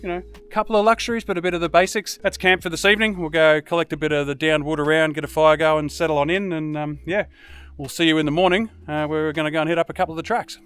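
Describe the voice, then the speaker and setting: A man's voice: fairly high pitch, fast talker, clean tone, soft background music. A man chatting casually as he films a 4WD camping vlog outdoors at a bush campsite. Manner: upbeat, chatty, relaxed.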